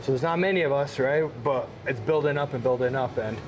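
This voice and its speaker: A man in his late twenties from Ukraine, a guest in a casual interview, chatting in a relaxed way and often saying "man". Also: mid-range voice, fairly quick. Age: 20s. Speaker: guest, fighter. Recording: audible background noise.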